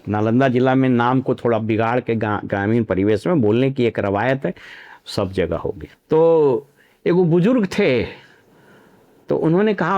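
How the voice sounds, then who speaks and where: A man's voice: mid-range voice, a little mellow, lo-fi sound. A middle-aged man from Bihar, a former civil servant giving storytelling commentary full of proverbs and anecdotes. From Nalanda district, Bihar. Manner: anecdotal, uses proverbs, measured.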